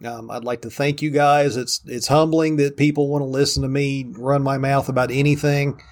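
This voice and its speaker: Southern guy with a hillbilly drawl, casual podcast host, folksy and humble, medium pitch. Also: flat delivery, moderate pace. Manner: self-deprecating, folksy. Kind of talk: casual solo talk. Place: room in a rented house.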